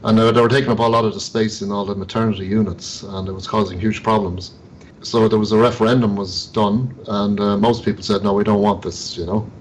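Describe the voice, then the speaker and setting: A chatty man hosts the show, rambling along with plenty of "you know" and "uh". His voice sits low. A faint rumble runs under the recording. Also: little pitch movement, fairly quick, poor audio. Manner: chatty, rambling, lots of fillers. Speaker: show host. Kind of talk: casual chat.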